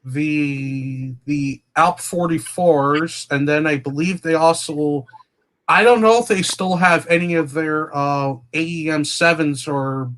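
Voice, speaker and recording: A man drifts through long, unhurried explanations in casual chat, his voice pitched a little high. He pauses often and fills the gaps with "um" and "uh". He comes through as if over a video call. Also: fairly bright tone. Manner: slow, meandering explanations with many fillers. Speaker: guest on train livestream.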